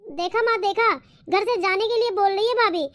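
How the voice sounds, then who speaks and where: A scheming sister-in-law in a cartoon, voiced by a woman in a very high, thin register. She wheedles and plays the wronged victim, with a dry, close sound. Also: fairly quick, fairly bright tone, no room sound. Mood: self-pitying.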